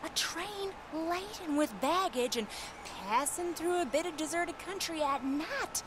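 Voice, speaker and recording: Western game role: high-voiced American outlaw schemer, colloquial and folksy, ambient noise. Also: female voice, expressive, measured pace. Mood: scheming. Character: scheming, folksy female outlaw of the Old West. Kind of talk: video game acting. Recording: game audio with clear outdoor noise.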